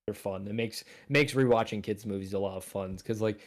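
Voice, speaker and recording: A man co-hosting a relaxed livestream chat, his voice sitting somewhat low. He rambles, leaning on filler words as he strings thoughts together. It sounds like easy talk at a desk microphone. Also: brisk. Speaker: co-host.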